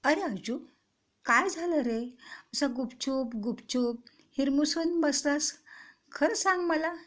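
A woman's voice: fairly high pitch, lively intonation, slow. A woman voicing a caring older sister who coaxes and teaches small boys in a children's story. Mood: coaxing. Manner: earnest, coaxing, motherly.

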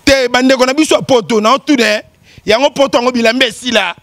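A man hosting a show with animated commentary, teasing people, breaking into exclamations and laughs. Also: very high voice, fast, no room sound. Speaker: show host.

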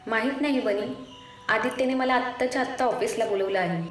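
A worried young woman asking anxious questions, voiced by a woman storyteller. The voice sits fairly high. It rings in an echoey room with faint noise. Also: brisk, recorded from a distance, natural voice.

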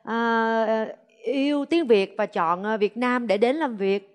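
A woman's voice: a little high, slow, clean tone. A woman with a southern Vietnamese accent, hosting a dating show in a casual way. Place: TV studio stage. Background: studio crowd.

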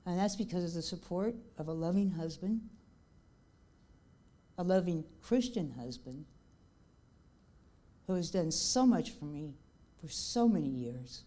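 An older woman giving a heartfelt testimony in church, slowing down on key points. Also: on the low side, lively intonation, mellow. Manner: heartfelt, slow when emphatic.

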